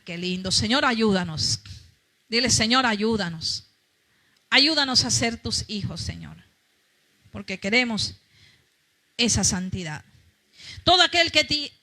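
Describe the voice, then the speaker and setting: A woman's voice: sits high, bright, forceful tone. A woman pastor preaching a fervent sermon, calling out to her congregation.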